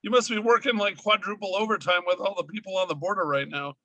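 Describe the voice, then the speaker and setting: Radio co-host, male, high bright voice, dry close studio sound, upbeat and jokey. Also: fairly even intonation, fast talker, no echo, rough recording. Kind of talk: radio talk show chat.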